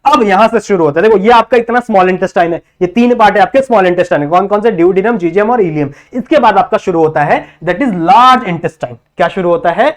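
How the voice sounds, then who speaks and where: A man's voice: sits high, fast talker, few pauses. A man tutoring biology, drawing a diagram and repeating each term back as a question, checking in with students often. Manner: checks in often with "thik hai". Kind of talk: whiteboard lecture in Hindi-English mix.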